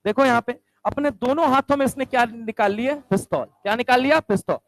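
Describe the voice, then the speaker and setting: Animated male chemistry teacher, high voice, dry sound, checks in with the class constantly. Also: a little fast, no room sound, low-quality recording. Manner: animated, keeps asking the class if they understand. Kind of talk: storytelling chemistry lecture.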